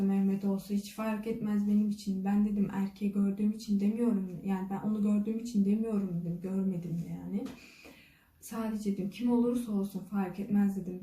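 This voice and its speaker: A woman's voice: medium pitch, mellow. A woman vlogger telling a personal story casually, acting out the dialogue with a constant "she said" and "I said". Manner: retells dialogue with frequent "dedi" and "dedim". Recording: echoey room, voice from a distance.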